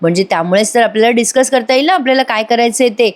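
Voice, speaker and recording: A woman voicing a lively young man who chats casually with family. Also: on the high side, racing, natural voice. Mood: chatty.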